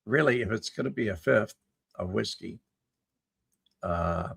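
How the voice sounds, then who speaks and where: A man in his seventies with a low, gravelly, husky voice chats casually on a livestream. He reads out viewer comments and answers them in a rambling, folksy way. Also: animated, unhurried, fairly bright tone. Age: 70s. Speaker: livestream host answering chat. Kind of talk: casual live chat reading viewer comments.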